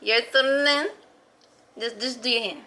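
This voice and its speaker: A woman chats playfully to her camera in a small indoor rental. Her voice is bright and forward, bubbly and full of laughs. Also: fairly high pitch, moderate pace, a little hiss or hum. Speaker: travel vlogger. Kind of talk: casual chat. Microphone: camera mic, talking to camera.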